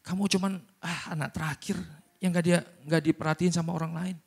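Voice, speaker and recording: A man's voice: a little high, flat delivery, a little fast, creaky, husky, voice pushed up. A man voicing a male devil who whispers taunts and temptations, belittling and jeering. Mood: taunting.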